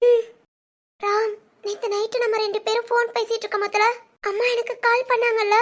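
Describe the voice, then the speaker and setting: A woman's voice: level tone, brisk. A woman voicing a fragile, devoted young wife in a cartoon family drama, talking in a tearful, pleading way. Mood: suspicious. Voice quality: very high, girlish.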